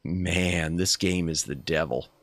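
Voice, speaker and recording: A man hosting a casual game livestream, chatting in an expressive, exclamatory way. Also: low voice, slow pace, no room sound. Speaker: livestream host.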